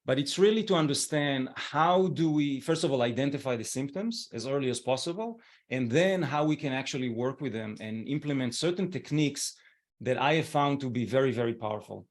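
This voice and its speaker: Gentle man hosting a webinar. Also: medium pitch, lively intonation, fairly quick. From Israel. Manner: gentle, encouraging, with frequent fillers. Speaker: webinar host. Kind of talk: online webinar presentation. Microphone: video call.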